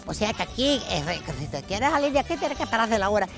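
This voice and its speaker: A woman's voice: mid-range voice, fairly quick, over music. An older woman, hosting a walking tour vlog outdoors in a village street, chatting with locals and calling them dear. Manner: lively, chatty, calls people hija and hijo, shouts out to passersby. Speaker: vlog host.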